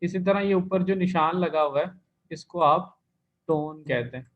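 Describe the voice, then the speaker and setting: High-voiced man teaching an online class. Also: unhurried. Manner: patient, explains step by step, repeats terms. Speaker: language teacher. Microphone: computer mic in an online class. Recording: dull lo-fi online class recording.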